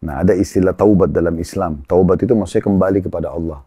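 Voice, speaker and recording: A man, an Islamic preacher, calmly explaining religious teaching in conversation and citing sayings point by point. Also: deep voice, husky, no room sound, studio quality. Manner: calm, measured, cites hadith and lists points.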